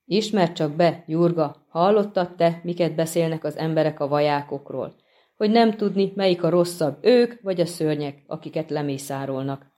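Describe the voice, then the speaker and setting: A brooding swordsman who hunts monsters, terse and low-key, each word held back, as a woman reads him in an audiobook. Her voice is pitched lowish and sounds dark and mellow. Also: close to an everyday voice. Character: grim, weary male monster-hunter swordsman. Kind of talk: audiobook reading.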